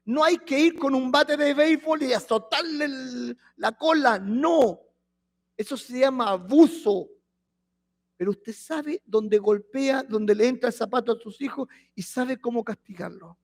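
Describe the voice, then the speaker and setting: A male pastor delivers a sermon in a fairly high voice. He reads scripture with rising emphasis and keeps pressing his listeners with rhetorical questions. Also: measured pace.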